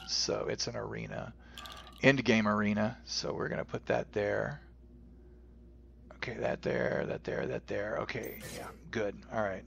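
A man commentates casually on his gameplay, swearing freely. His voice is creaky and strained, cracking as he talks. Game music plays clearly behind him. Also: medium pitch. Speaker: gameplay streamer.

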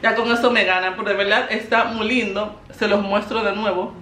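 A Dominican woman vlogging at home as she opens birthday gifts, expressive and emotional, laughing often. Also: medium pitch, fairly quick, echoey room, a little hiss or hum. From Dominican Republic. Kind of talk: casual vlog, opening birthday gifts. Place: home, indoors.

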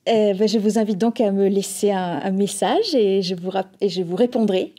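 Flustered and hesitant, a woman in a comic training sketch plays a bumbling, somewhat flippant call-centre agent, greeting callers as if on the phone. Her natural, mid-range voice has a dark tone and moves at normal speed, recorded indoors on a small office set with background music.

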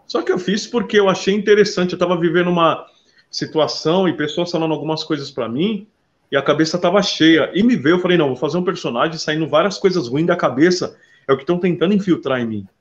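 Lively man telling stories, slightly high voice. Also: fast talker. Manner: lively storyteller, calls listener "brother". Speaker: interview guest, visual artist. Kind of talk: casual interview storytelling. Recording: dull lo-fi sound.

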